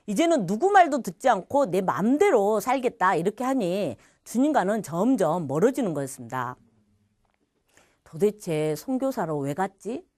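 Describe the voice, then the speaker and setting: A middle-aged Korean woman shares her personal faith testimony at church, telling her story vividly and acting out other people's voices. Her voice is mid-range at a moderate pace, recorded in studio quality with no room sound.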